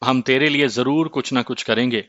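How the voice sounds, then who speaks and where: A man's voice: mid-range voice, fairly even intonation, fairly bright tone, no room sound, dull audio, lightly acted. A man voicing a solemn, commanding old holy man who promises help in an audio horror story.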